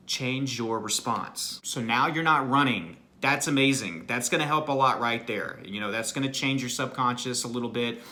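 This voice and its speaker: A man's voice: mid-range voice, bright, forceful tone. A man speaking as an anxiety recovery coach, giving an earnest, motivational self-help talk and often checking in with "right?" and "you know".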